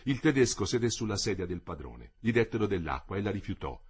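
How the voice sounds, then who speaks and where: Husky low-voiced male narrator. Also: very animated, a little fast. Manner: dramatic, varied phrasing. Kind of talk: audiobook reading of a novel.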